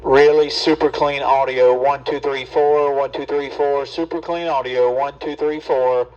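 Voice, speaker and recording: A man who runs a radio shop, heard over a CB radio speaker as he counts off a steady audio test. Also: mid-range voice, unhurried. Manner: steady, plain counting in short bursts. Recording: dull, lo-fi radio speaker sound.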